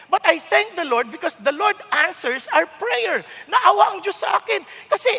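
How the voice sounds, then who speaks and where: A man in his sixties with a Filipino accent preaching a sermon, mixing Tagalog and English in an emphatic, conversational way with sudden loud outbursts. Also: very high-pitched, animated, normal speed, vocal fry, faint music behind. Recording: long hall reverb.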